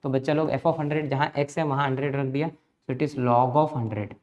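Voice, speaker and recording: Man, maths teacher, brisk lecture, coaxing step-by-step. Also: medium pitch, steady tone, darkish tone, dull audio. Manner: brisk, coaxing, talks students through each step. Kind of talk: lecture mixing Hindi and English.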